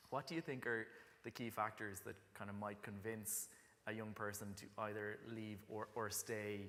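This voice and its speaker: Bright-voiced man moderating in a hall. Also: on the low side, flat delivery, moderate pace. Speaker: panel moderator. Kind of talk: unscripted event moderation. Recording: echoey hall with long reverb.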